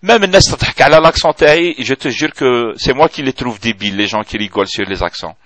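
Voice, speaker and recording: A man's voice: mid-range voice, fast talker, a bit bright, dry recording. A man with a strong Algerian accent, talking bluntly and defiantly to camera as a video blogger and mixing French with Algerian Arabic. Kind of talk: casual video blog reply.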